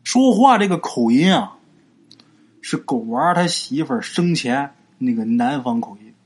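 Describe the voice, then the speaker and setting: Husky storyteller man. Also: medium pitch, lively intonation. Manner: chatty, asks and answers his own rhetorical questions; frequent drawn-out particles like 啊 and 呀. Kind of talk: serialized ghost story narration.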